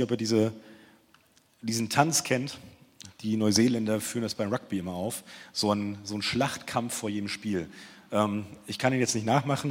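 A man's voice: fairly low pitch, slightly rough. A young man giving a casual, chatty sermon, retelling a Bible story and acting out the quotes in slang. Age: young adult. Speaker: preacher. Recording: long hall reverb.

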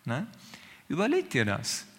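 A man's voice: mid-range voice, huge pitch swings. A man preaching a sermon in a conversational, questioning way, often checking in with his listeners. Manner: questioning, conversational, drawn-out pauses. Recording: long reverb of a hall.

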